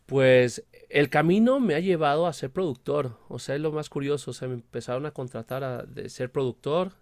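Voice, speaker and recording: A man's voice: fairly high pitch, moderate pace, a little mellow, dry recording, studio quality. A man with a Mexican accent and a speech impediment on the R sound, chatting casually as an interview guest and explaining things with frequent check-in tags. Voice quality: speech impediment, cannot pronounce the R sound properly. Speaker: guest, film producer and director.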